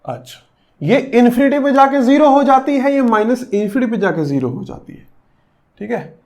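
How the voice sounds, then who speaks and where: A man's voice: very high voice, normal speed, a little mellow. A man in his thirties from India, teaching a physics lecture in a joking, teasing way and slipping English terms in. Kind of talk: classroom physics lecture with an anecdote.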